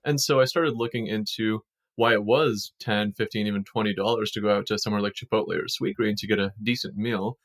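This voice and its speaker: A young man, a startup founder from Ukraine raised in the US, calmly telling his story in an interview. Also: on the low side. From Ukraine, raised in Kansas and Massachusetts. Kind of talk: casual interview answers.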